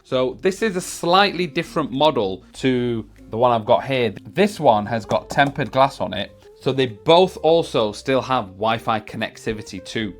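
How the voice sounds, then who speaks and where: A man giving a casual product demo, explaining features step by step in an explanatory manner. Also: mid-range voice. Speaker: product reviewer and demonstrator. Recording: music behind the voice.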